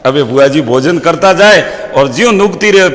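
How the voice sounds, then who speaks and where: Rajasthani comedian telling folk jokes. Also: male voice, on the high side, normal speed. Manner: lively storyteller quoting proverbs. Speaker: stand-up comedian. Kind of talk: folk comic storytelling. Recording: long hall reverb.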